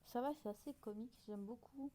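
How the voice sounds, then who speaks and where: A woman's voice: a little high, quick pace, very noisy. A woman chatting casually and hesitantly as she reacts to her own old videos, often mocking herself.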